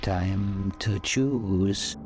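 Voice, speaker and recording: A deep-voiced, enigmatic bureaucrat speaks in slow, formal phrases with strange stresses. He sounds sinister and deliberate, an audio drama villain over a music bed. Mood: smug, menacing. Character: sinister, enigmatic middle-aged government man in suit. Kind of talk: audio drama character acting.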